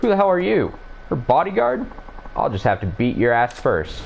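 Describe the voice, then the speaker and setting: A man's voice: on the low side, moderate pace, soft background music, lightly acted, poor audio. A man voicing an angry, boastful rich thug from a video game, reading his lines in character. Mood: threatening. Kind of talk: game dialogue read aloud in character.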